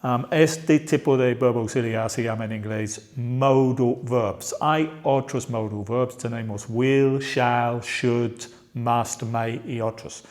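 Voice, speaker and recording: Slow, careful British man teaching. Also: mid-range voice, fairly even intonation, a little mellow. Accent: British English speaker talking Spanish. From Britain. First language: English. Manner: slow and careful, drills example sentences. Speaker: English teacher. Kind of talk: language lesson.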